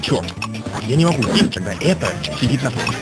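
A man's voice: mid-range voice, big pitch swings, a little fast, loud music behind the voice. A man voicing a bossy, serious Soviet space dog in a cartoon. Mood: irritated. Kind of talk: cartoon voice acting.

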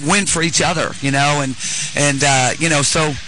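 A woman's voice: sits low, fairly even intonation, normal speed, fairly bright tone, slight background noise, rough recording. A middle-aged woman coach in a postgame radio interview, talking in a rambling way full of fillers and restarts on a headset mic. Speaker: women's basketball head coach. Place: courtside in an arena.

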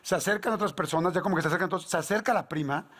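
A man with a Mexican Spanish accent, speaking rapidly in a high voice. He tells his story with animation and slang. He acts out each voice in the dialogue. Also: fairly bright tone. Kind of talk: casual anecdote telling.

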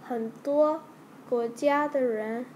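Woman teacher reading a story for learners. Very slow and deliberate, with audible background noise. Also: high voice, darkish tone, dull audio. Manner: slow, halting, carefully paced reading.

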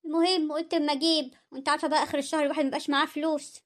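A woman voicing a poor, gentle older mother-in-law in an Egyptian cartoon story, pleading and self-effacing, with an Egyptian accent. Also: high voice, little pitch movement, rapid-fire, natural voice.

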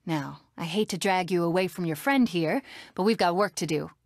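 An actress playing a young, resolute and haughty rebel princess in a video game, with an assertive, dryly sardonic delivery. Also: female voice, fairly low pitch, normal speed, dry recording, studio quality. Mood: earnest. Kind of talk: video game character voice clips.

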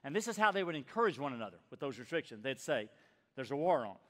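An older man in his sixties preaching in a church, his voice pushing loud and urgent then dropping almost to a whisper. The sound hangs in a long reverb from the hall, and his pitch sits in an ordinary middle range. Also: sing-song, quick pace. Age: 60s. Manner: emphatic, swings from loud urging to hushed near-whisper. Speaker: pastor. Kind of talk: sermon. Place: church sanctuary.

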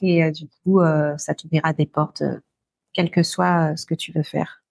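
A woman, speaking in a fairly low voice as a podcast guest. She pauses often and hunts for words, filling gaps as she goes. The recording is close and dry, with no room sound. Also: little pitch movement, gravelly, a little mellow, no echo. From Paris, France. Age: 40s. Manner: hesitant, many pauses and fillers. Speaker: interview guest. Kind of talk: podcast interview.

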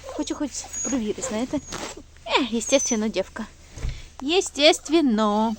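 Woman, fairly high voice, quick nervous vlog chatter, baby talk to dogs, phone mic outside by woods, faint background noise. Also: expressive. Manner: talks fast when nervous. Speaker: animal rescue volunteer. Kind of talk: casual vlog narration while filming. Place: outdoors near a forest. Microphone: phone camera held while filming.

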